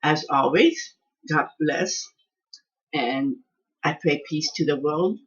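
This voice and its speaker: A woman's voice: sits low, expressive, slow. A woman home cook in a casual cooking video, chatting as she tastes and often restarting her words. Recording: dull lo-fi sound.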